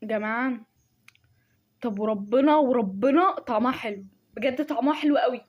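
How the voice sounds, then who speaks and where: Young woman, Egyptian Arabic accent, casual vlog chat, excitable, self-mocking, high voice. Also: normal speed, muffled recording. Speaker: vlogger.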